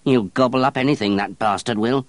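A man's voice: medium pitch, fairly quick, no echo, pitched above the performer's own voice, natural voice. A man voicing a blunt, surly wet nurse who answers in a curt, snarling way. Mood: resentful. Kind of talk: audiobook character voice.

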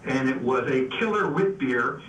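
A man's voice: medium pitch, lively intonation, normal speed, fairly bright tone. A man giving beer news on a casual radio chat. He has an easygoing manner and keeps stopping for "uh" and fresh starts. He sounds distant and roomy over a remote line, with faint noise behind him. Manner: easygoing, explains with frequent "uh" and restarts. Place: remote call into a radio show.

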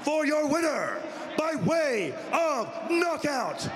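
A man booming out formal fight announcements as a ring announcer, with drawn-out, shouted delivery of names. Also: sing-song. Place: large indoor fight arena. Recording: echoey arena PA with crowd noise.

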